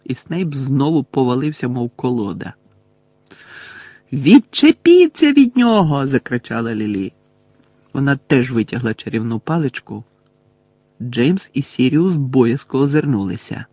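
A man reading an audiobook aloud with expressive storytelling. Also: medium pitch, moderate pace, no room sound. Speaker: audiobook narrator.

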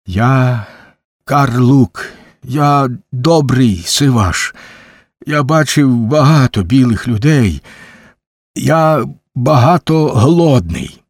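A man voicing a starving native chief who pleads in slow, broken speech. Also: mid-range voice, animated, dry recording, clean studio sound. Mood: pleading. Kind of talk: audiobook character voice.

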